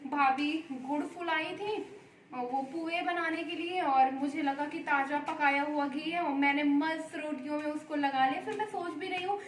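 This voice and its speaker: High-voiced chatty woman vlogger. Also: normal speed, reverberant, a little hiss or hum, low-quality recording. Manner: chatty, meandering and homely. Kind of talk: casual chat to camera. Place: indoors at home.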